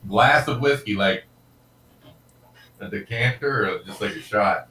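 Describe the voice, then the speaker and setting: Loud, bright-voiced joking man. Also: lowish voice, measured pace. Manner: loud, joking, self-deprecating. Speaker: live stream co-host. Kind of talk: casual chat.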